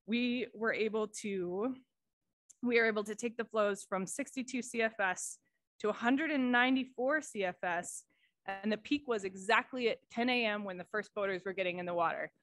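A woman's voice: medium pitch, normal speed. An American woman giving a candid, storytelling report at a public board meeting, quoting colleagues as she goes. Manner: candid, storytelling, quotes people in lively retellings. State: voice cracking with tears. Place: meeting room.

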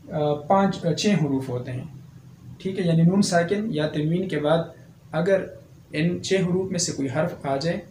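A man's voice: fairly high pitch, darkish tone. A male Quran teacher, explaining tajweed rules patiently and often checking in with the listener. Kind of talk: tajweed lesson. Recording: echoey room, faint ambient noise.

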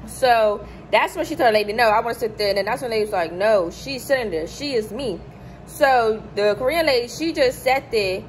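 Holding her phone camera close beneath her face in a hotel room, a young woman in her twenties chats through a storytime at a fairly quick pace. Her voice is higher, and she animatedly voices quoted people at a higher pitch still. The recording is low quality with slight hiss or hum.

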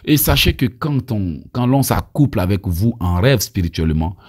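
This Ivorian man in his thirties, whose first language is Abé, has a lowish, husky, darkish voice with an Ivorian French accent and expressive delivery at a moderate pace. His deliverance prayer teaching is emphatic, full of stammered restarts. The footage was shot outside on a phone at arm's length.

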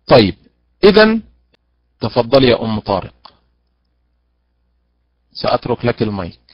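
A man teaching Quran recitation online, slowly drawing out recited examples between quick explanations. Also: mid-range voice, very animated, no room sound. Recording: dull lo-fi dry online audio.

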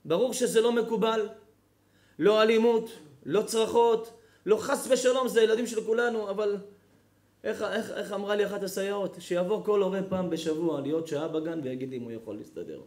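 High-voiced rabbi preaching with emphasis. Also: male voice. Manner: emphatic, repeats phrases for effect, swings between loud and soft. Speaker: rabbi giving a public lesson. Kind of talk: impassioned sermon.

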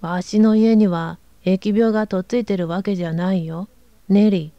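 A woman reading a gruff, domineering father. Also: mid-range voice, fairly even intonation, moderate pace, dry recording, lo-fi sound, close to an everyday voice. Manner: gruff, barking orders. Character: harsh, domineering middle-aged father, man.

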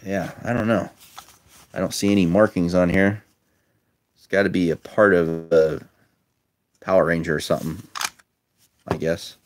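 A man's voice: sits low, fairly even intonation, moderate pace, long pauses, a little hiss or hum. A man casually commenting while opening a lot of old toy cars, chatty and wry with muttered asides, filmed on a handheld phone at a table indoors. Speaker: toy collector vlogger. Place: indoors at a table, filming toys close up.

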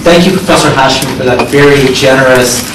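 Man lecturing in an echoey hall. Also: medium pitch. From Egypt, raised in the United States. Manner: measured, thoughtful, frequent "right?" checks. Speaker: guest lecturer. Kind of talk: academic lecture. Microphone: podium microphone, heard from a distance. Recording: echoey lecture hall, distant mic, noisy.

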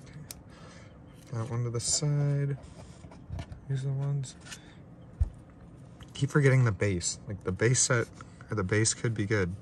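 In a small room lit by a ring light, a young man with a stuffed-up nose chats casually while opening trading card packs, unscripted and a little self-deprecating. His mid-range voice stays steady, a touch slow and darkish, with frequent pauses. A faint hiss or hum sits in the recording.

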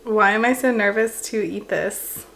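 In her home kitchen, a young adult woman who vlogs about lifestyle talks casually through a bake-along, thinking out loud with self-deprecating humor. She has a gravelly, mid-range voice and a measured pace, recorded by a camera close by.

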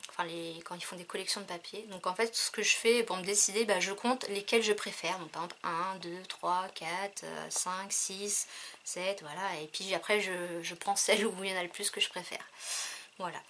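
A woman with a French accent talks through her craft purchases in a relaxed, rambling way, full of little fillers. Her voice is bright and forward. A faint hiss sits under the recording. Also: fairly low pitch, moderate pace. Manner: chatty, many fillers, counting and showing items. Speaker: crafting vlogger. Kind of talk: casual haul video.

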